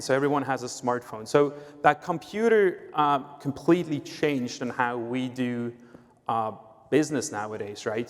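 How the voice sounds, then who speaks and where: A Swiss sales executive, speaking with a Swiss accent at a middle pitch, is a guest speaker on a conference panel. He explains things step by step, using the filler "uh" and frequently asking "right?", while a long hall reverb trails his words.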